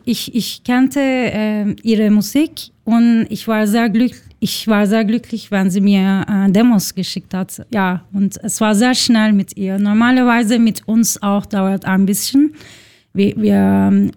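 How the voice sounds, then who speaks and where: A woman from Turkey, who runs a record label, speaking German haltingly and searching for words. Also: mid-range voice, fairly even intonation, a little mellow, smooth.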